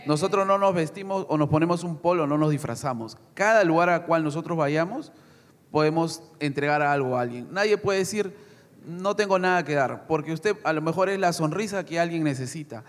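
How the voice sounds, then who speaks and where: A man who went on a mission trip, sharing a testimony and exhorting the congregation, lively with some hesitations. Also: fairly high pitch. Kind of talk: church testimony and short reflection. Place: church hall. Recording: long hall reverb.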